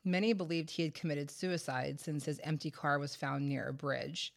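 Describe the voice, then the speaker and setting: A woman's voice: sits low, fairly even intonation, normal speed, vocal fry. Wry woman storyteller, stuffed up with a cold. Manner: casual, wry, sarcastic asides. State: congested and short of breath from a head cold. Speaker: podcast host. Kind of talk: conversational true-crime storytelling.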